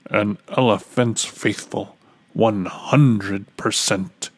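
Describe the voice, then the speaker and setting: Male reader as a gentle, faithful elephant, earnest and slow. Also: on the low side, slightly rough, no room sound, exaggerated voice.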